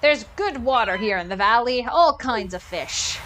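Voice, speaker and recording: A woman voicing a friendly old male fisherman with a hearty seafaring drawl, over loud game music. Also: a little high, animated, moderate pace, slight background noise, low-quality recording. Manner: hearty seafaring drawl, vague put-on accent.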